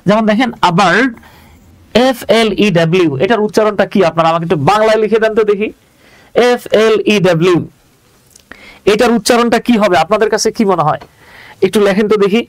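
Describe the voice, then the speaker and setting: A man's voice: sits high, fairly quick, long pauses. A man teaching English grammar in a chatty live online lesson, joking about himself and reading out viewer comments.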